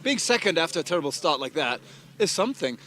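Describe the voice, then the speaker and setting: A man's voice: a little high, big pitch swings, fast talker, pushed and bright, slight background noise. A man reporting from the water, interviewing a sailing crew in an upbeat, chatty way. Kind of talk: live sports interview.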